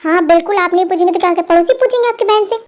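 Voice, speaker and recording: High-voiced dubber doing a bossy teasing young wife. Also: female voice, rapid-fire. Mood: insistent. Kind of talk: fan dub drama.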